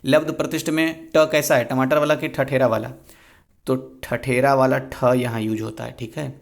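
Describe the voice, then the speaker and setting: A man tutoring for an exam, explaining spelling and grammar answers patiently and slowly repeating the key words. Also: mid-range voice, little pitch movement, vocal fry. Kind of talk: exam revision lesson.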